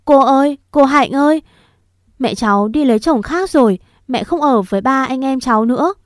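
A woman's voice: a little high, a little mellow, no echo, studio quality, lightly acted. A woman voicing a whiny little village girl who tattles and cries easily. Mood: pleading. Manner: pleading, quick to cry.

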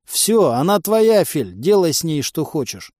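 A man voicing an indignant, excitable young male companion in an audiobook. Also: fairly high pitch, moderate pace, no room sound, studio quality.

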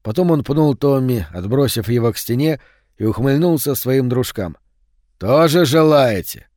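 A man's voice: medium pitch, moderate pace, no room sound. Male audiobook narrator, dry sound. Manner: steady storytelling.

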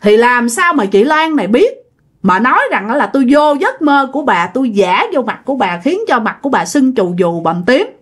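A woman's voice: a little high, expressive, normal speed, breathy edge. A woman telling a ghost story in a casual, chatty way, talking straight to her listeners.

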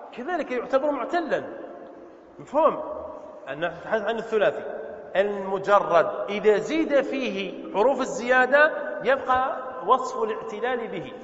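A man with a high voice teaches a grammar class in a mosque. He drills verb forms and fires short questions at his students. The recording is muffled, with a long, roomy reverb. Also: a bit bright. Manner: quizzes students with quick questions. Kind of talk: Arabic grammar lesson. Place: mosque hall. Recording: echoey muffled hall recording.

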